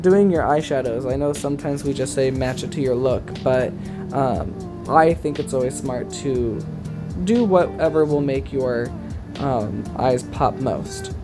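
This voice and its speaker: A man's voice: mid-range voice, animated, unhurried, music in the background. A man talking as a sassy, campy, chatty drag queen in a casual makeup tutorial voice-over.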